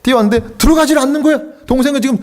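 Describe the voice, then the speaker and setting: A middle-aged man from Korea, a pastor preaching at a revival meeting, telling a story and acting out the voices in it, often rising to shouts. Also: very fast. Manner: acts out quoted voices, shouting the high parts. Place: church sanctuary.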